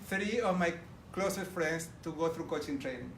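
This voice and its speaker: This expressive, rather high-voiced middle-aged Argentine man presents enthusiastically at a moderate pace, talking straight to the audience in a large room. He has an Argentine Spanish accent, and the recording is distant and roomy with noise behind him.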